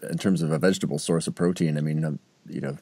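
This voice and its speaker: A man hosting a podcast, asking questions in a relaxed, chatty way. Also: extremely low pitch, fast talker, husky, no room sound. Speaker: podcast host. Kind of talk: casual interview questions.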